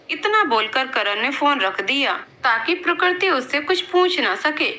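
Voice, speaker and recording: Bright, high-voiced woman storyteller. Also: low-quality recording. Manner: gentle, storybook telling. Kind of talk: scripted story narration.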